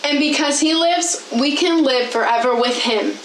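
A young woman playing a cheerful talk show host with a bright presenter's delivery, in a church skit recorded in a small echoey room. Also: high-pitched, moderate pace, natural voice. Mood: earnest. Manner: bright presenter's delivery, earnest when explaining. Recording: echoey room with faint hiss.

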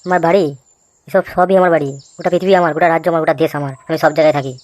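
A woman's voice: low voice, fairly even intonation, racing, a little mellow, no room sound, close to an everyday voice. A woman voicing a cursing swaggering local don. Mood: blustering. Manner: boastful, threatening, heavy cursing. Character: swaggering foul-mouthed male local don. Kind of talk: comic cartoon voice acting.

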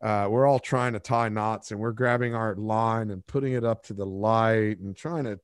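A man in his forties hosts a casual interview-style podcast from his home studio, recording on a studio microphone with headphones. His voice sits lowish with fairly even intonation, moving at a normal pace, smooth and without echo. He tells self-mocking stories, rambling and restarting as he goes.

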